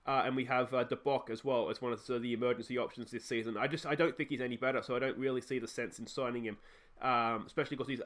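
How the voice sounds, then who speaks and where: Croaky from a cold, an Australian gaming host chats through a casual football management let's play. The match highlights get excited reactions from him.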